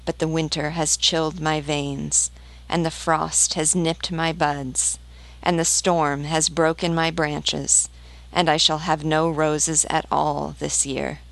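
A woman reading the part of a weary, sorrowful red rose tree in a storybook, slow and grave. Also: low voice, flat delivery, creaky, exaggerated voice, poor audio.

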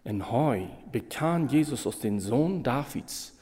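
A man preaching a sermon in with a Low tinge, halting and emotional, repeating phrases as he goes. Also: expressive, warm tone, husky, long reverb tail.

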